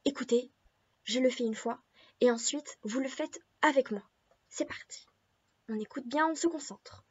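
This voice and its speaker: A woman teacher singing a nursery rhyme and encouraging young children to sing along with her. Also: sits high. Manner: sings slowly and clearly, encouraging children to join in. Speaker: preschool teacher. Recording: dull lo-fi recording.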